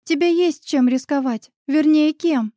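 A heartbroken young woman on the edge of tears, voiced by a female narrator, speaking in a raised, soft-edged tone. The sound is close and dry. She sobs between her words, resigned and bitter. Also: high-pitched, a little slow, dry recording, pitched above the performer's own voice. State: sobbing.

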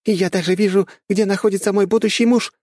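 A man reading an audiobook, voicing a brash, fierce young woman who leads a syndicate army and shouts loud battle commands. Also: sits high, steady tone, quick pace, no echo, clean studio sound, pitched above the performer's own voice. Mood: gloating. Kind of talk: audiobook character voice.

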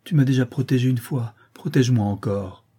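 A man reading aloud, voicing an impetuous, fiery young girl who protects her cousin, in a husky voice. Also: mid-range voice, brisk, mellow, close to an everyday voice. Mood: urgent.

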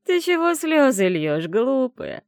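A woman doing a gruff old village witch. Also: high-pitched, big pitch swings, slow pace, no echo, clean studio sound, pitched above the performer's own voice, exaggerated voice. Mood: chiding. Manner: scolding, down-to-earth, teasing. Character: old grey-haired village witch, gruff caring guardian.

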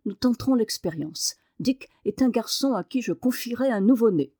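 A woman reading aloud and voicing a slightly nervous male doctor who speaks in a lowered, hesitant voice. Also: expressive, moderate pace, warm tone, husky, no echo, clean studio sound. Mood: cautious. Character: slightly nervous country doctor, adult man.

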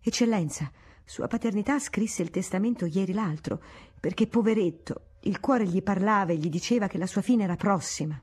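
A woman's voice: medium pitch, normal speed, a little mellow, slightly rough, lightly acted. A woman reading the part of a deferential servant woman of a noble house, speaking in a humble, pleading way. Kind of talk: audiobook reading.

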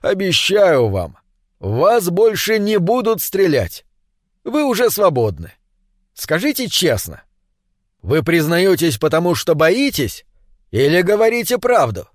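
A man's voice: sits high, big pitch swings, moderate pace, a little mellow, no room sound, studio quality, voice pushed up. A man reading an audiobook, voicing a cruel talk-show host who questions his guest theatrically. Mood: soft. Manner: theatrical, interrogating.

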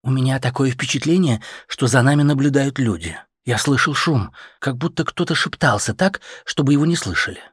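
A man reading an audiobook, voicing a cautious, polite, nervous man in glasses, pitched higher than his own voice. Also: a little fast, few pauses, breathy edge, dry recording, clean studio sound, natural voice.

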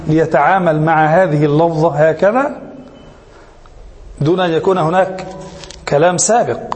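High-voiced sheikh lecturing in an echoey hall. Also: male voice, darkish tone. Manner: asks questions and lets listeners finish them; slow, deliberate, repeats key terms. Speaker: sheikh teaching Arabic grammar. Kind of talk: classroom lecture.

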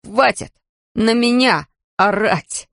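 A reader playing a sullen teenage boy in a storybook drama, resentful and quick to shout. His lines come out sharp and accusing. The recording is close and dry. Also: high voice, vocal fry, no room sound. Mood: resentful angry. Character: angry teenage boy fighting his mother.

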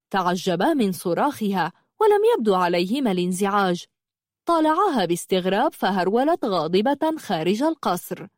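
A woman reads a novel aloud at an even, measured pace, with a literary, storytelling manner. Her voice sits mid-pitch and sounds dry and close, with no room around it. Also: dry recording. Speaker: narrator. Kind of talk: scripted audiobook narration.

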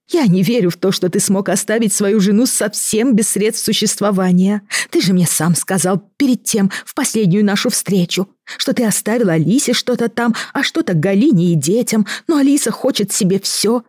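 A woman's voice: mellow, breathy edge, no room sound, studio quality, natural voice. A woman in her forties reading the part of a hurt woman past forty who speaks in an agitated, pleading voice. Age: 40s. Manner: agitated, pleading, rising pitch.

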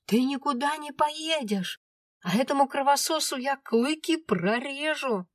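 A woman's voice: high-pitched, animated, unhurried, dry recording, studio quality, voice pushed up. Woman voicing a grumbling, coaxing male dragon. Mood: angry. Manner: pleading and grumbling. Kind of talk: audiobook character voice.

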